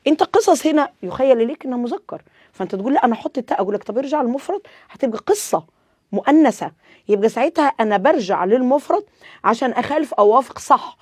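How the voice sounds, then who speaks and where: Brisk Egyptian woman teaching grammar. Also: high-pitched, dry recording. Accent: Egyptian Arabic. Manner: asks questions and answers them herself, repeats rules. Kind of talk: explaining a grammar lesson.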